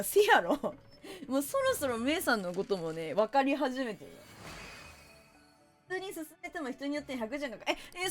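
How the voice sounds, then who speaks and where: A young woman with a Kansai accent chatting casually during a game stream, playful and talkative as she reads viewer comments aloud into a close microphone. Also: high voice. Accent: Kansai Japanese. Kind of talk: casual live-stream chat while gaming.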